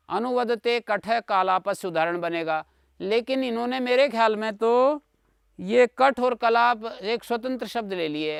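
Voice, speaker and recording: A man's voice: high-pitched, gravelly, a bit bright, clear, resonant tone, no room sound, studio quality. A man teaching Sanskrit grammar in an online class, patiently explaining and checking in with his students. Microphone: video call.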